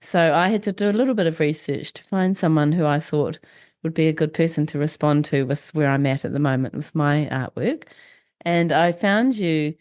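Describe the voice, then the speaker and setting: Low, croaky, wheezy New Zealand woman podcast host. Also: a little mellow. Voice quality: croaky, wheezy, blocked-up chesty voice. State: congested. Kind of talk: podcast introduction and interview chat.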